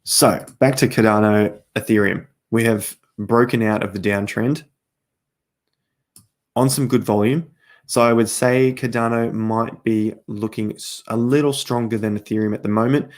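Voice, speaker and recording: A man hosting a casual crypto livestream, talking straight to viewers as he walks through charts, his voice going hoarse with coughs. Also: lowish voice. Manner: chatty, talks straight to viewers while walking through charts. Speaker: crypto market host.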